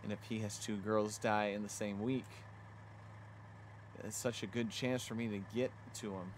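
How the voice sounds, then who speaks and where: Reading a visual novel character aloud, a man with a lowish, level voice plays a scheming, jealous young woman villain who is flippant and boastful, with gloating menace. He speaks at normal speed and acts it lightly, with a little hiss or hum and music behind him.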